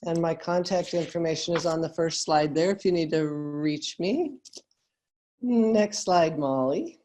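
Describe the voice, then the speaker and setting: An American woman with a croaky frog voice, giving a webinar presentation as a guest speaker. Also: sits low, unhurried, mellow, slight background noise. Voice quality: croaky, froggy voice. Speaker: guest presenter, school food service director. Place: remote online webinar.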